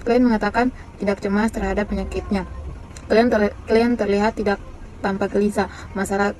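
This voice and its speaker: A woman reads through a nursing care plan item by item, stumbling and restarting as she goes. Her pitch barely moves, giving a monotone, list-like delivery. Faint traffic noise sits behind her voice. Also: low-quality recording. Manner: halting, with many fillers and restarts.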